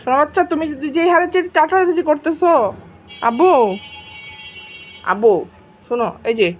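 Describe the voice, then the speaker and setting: A young woman from Bangladesh speaks to her pet cats in a high, doting baby-talk voice. She coaxes them gently and switches to firm scolding when they misbehave. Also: expressive, moderate pace, a little hiss or hum. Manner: coaxing, doting and scolding by turns. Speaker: cat owner vlogger.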